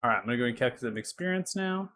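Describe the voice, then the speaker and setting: A man's voice: medium pitch, animated, racing, fairly bright tone. A man running a tabletop role-playing game as game master, narrating and talking to the players. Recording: faint background noise.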